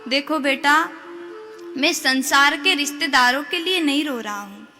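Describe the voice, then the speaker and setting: A woman's voice: high voice, measured pace, bright, forceful tone, soft background music. A woman doing an old blind weeping devotee. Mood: tearful. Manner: tearful, pleading.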